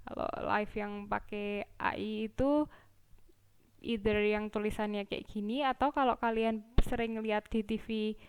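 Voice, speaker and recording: A woman teaching English phrases. She reads each example slowly and a little higher, then explains it in a relaxed, chatty way. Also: smooth, no room sound. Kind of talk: explaining English expressions in Indonesian.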